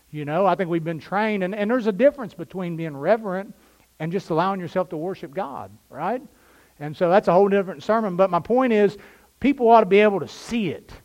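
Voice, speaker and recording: A male pastor preaching a sermon, swinging from loud bursts to quiet asides. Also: sits high.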